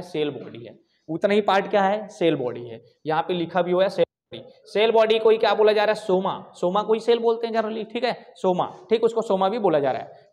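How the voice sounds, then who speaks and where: A man's voice: high voice, a little mellow. A male coaching teacher, teaching a live online class in an informal way, asking questions and then answering them himself. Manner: repetitive call-and-response questioning; informal, calls students bhaiya and bhai. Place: coaching class, recorded over slides.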